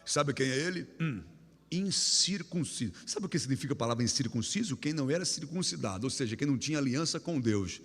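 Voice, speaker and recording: A man preaching a lively youth sermon, telling stories with humor and bursting into shouts. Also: medium pitch, a little fast, husky. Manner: animated, humorous storytelling, sudden shouts. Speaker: guest pastor. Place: church hall. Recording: echoey church hall.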